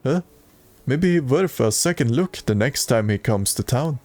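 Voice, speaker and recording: A man's voice: medium pitch, lively intonation, a little slow, a little mellow, soft background music. A man streaming a video game and reading its dialogue aloud in a plain way, with occasional stumbles.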